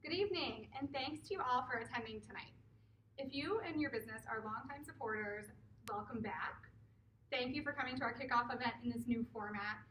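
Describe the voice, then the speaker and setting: A woman with a fairly high voice delivers a prepared kickoff speech to an audience. The sound is distant and echoey, with faint noise underneath. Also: highs cut off. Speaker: nonprofit executive director giving a speech. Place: public event at a drive-in movie night.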